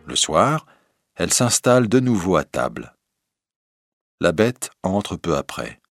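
A man narrating a fairy tale in a slow, clear, measured reading. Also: low voice, sing-song, no echo, soft background music. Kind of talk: storybook reading.

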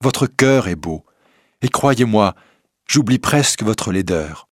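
A timid but warm young heroine from a storybook, as a male reader puts her on. Her lines are soft and sincere and rise and fall in a lively way. The voice is husky and close. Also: on the low side, takes it slowly, dry recording. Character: kind, honest young woman, timid yet warm.

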